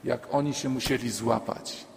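A man's voice: medium pitch, steady tone, moderate pace, creaky. A man, a priest, preaching a sermon emphatically, repeating key lines and dropping humorous asides. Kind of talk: sermon to a congregation. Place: church. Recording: long church reverb.

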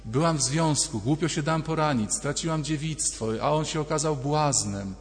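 A man's voice: fairly high pitch, normal speed. A man preaching a sermon as a priest, telling stories and acting out little dialogues in a conversational way. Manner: storytelling, conversational, acts out dialogues. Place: church. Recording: long church reverb.

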